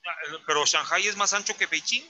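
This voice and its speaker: A man's voice: high voice, a little fast, sharp tone, low-quality recording. A man teaching a Mandarin lesson, patiently correcting a student's tones step by step. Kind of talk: online language lesson.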